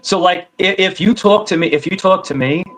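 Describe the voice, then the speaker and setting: A man in a loose group chat with a slightly high voice. He talks in an animated way and repeats his points over and over. He keeps breaking into quick put-on voices. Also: low-quality recording. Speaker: host.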